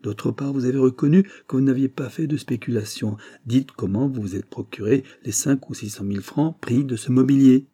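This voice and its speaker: A man with a husky voice voicing a severe examining magistrate questioning a suspect in an audiobook. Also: mid-range voice, normal speed, hardly any pauses, mellow, voice pushed up, natural voice. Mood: stern. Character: stern cold male examining magistrate.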